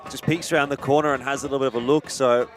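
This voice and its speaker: A man's voice: medium pitch, steady tone, very fast, faint music behind. A man commentating live on an esports match as a caster, explaining the play, with crowd and game gunfire behind him.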